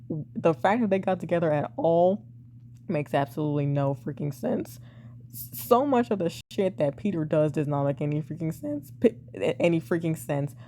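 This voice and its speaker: A young woman talks through her opinions of a TV drama in a blunt, exasperated, casual way. Her voice sits a little low and mellow, slightly hoarse and prone to cracking. A faint hum runs underneath. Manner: blunt, exasperated, sighs and swears often. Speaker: TV show reviewer.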